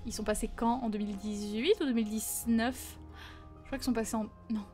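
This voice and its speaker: A chatty young woman with a high, light voice talks casually to her stream audience, answering viewer messages in an animated way, with frequent fillers. Faint music plays behind her. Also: a little fast.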